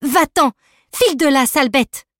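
A fearless, commanding young woman in a storybook, as a woman narrator puts her on, calling out high and loud in a dry, close sound. She gives orders sharply and never backs down. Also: a little slow, no room sound. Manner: bold, commanding shouts.

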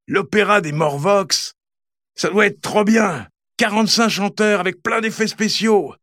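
A man voicing an excitable young boy gamer who dreams aloud and cheers his wins. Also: high-pitched, slow, no echo, studio quality, voice pushed up. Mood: excited. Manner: excited, eager.

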